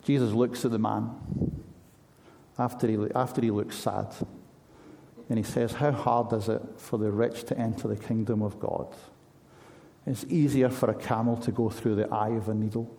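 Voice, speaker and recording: A man's voice: on the low side, fairly even intonation, moderate pace, gravelly, dark tone. A man preaching a sermon in an earnest, conversational way, asking his listeners pointed questions.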